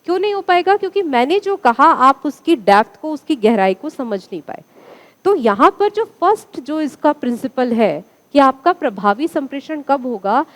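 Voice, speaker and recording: A woman's voice: high voice, expressive, normal speed. A woman teacher giving a classroom lecture, asking the students questions and answering them herself.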